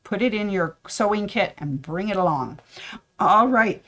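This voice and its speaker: A middle-aged woman, a sewing shop host giving casual tips, chatty and rambling, her voice slightly hoarse. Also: mid-range voice, animated, unhurried. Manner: chatty, rambling with fillers and asides.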